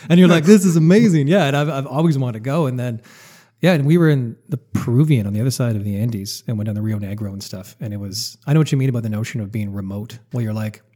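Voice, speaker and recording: Podcast host dude, talks super fast, husky kinda warm voice, jokey and rambly. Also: male voice, mid-range voice. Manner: chatty, enthusiastic, jokey, rambling. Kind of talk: casual podcast interview.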